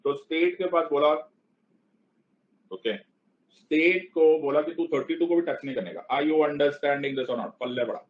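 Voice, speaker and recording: Playful teacher, slightly lo-fi sound. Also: male voice, on the high side, unhurried. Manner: playful, mixes Hindi and English, keeps checking understanding. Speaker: online civics teacher. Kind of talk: live class lecture.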